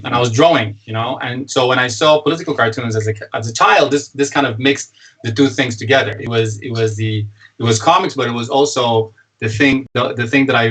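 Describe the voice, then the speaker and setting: Man from Sudan, halting casual talk. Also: medium pitch, fairly bright tone, low-quality recording. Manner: halting, many restarts and fillers. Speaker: political cartoonist, guest. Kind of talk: casual interview chat.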